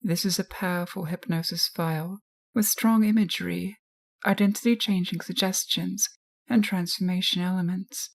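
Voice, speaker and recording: A woman narrating a scripted guided hypnosis in a soft, soothing, measured way. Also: fairly low pitch, steady tone, in a large hall. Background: music.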